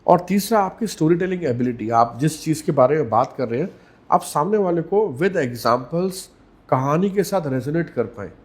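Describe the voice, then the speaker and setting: Measured, emphatic male communication coach. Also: fairly high pitch, expressive, husky. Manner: measured, emphatic, repeats key words, mixes English into Hindi. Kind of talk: podcast interview answers.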